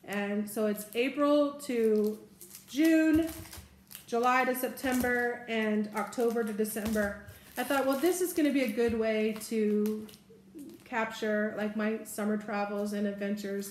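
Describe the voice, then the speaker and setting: A woman's voice: fairly high pitch, a little mellow, slight background noise. A woman in her forties chatting casually and a bit rambling as she shows off her shopping haul to a camera at a table. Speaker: haul vlogger. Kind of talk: casual product haul chat. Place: room indoors, seated at a table. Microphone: camera in front at table distance. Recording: echoey room.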